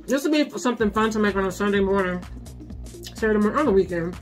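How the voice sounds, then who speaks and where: A woman hosting a casual food vlog, talking while chewing food in a relaxed, chatty way. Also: mid-range voice, quick pace, soft background music. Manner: chatty, relaxed, hums approval. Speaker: vlog host.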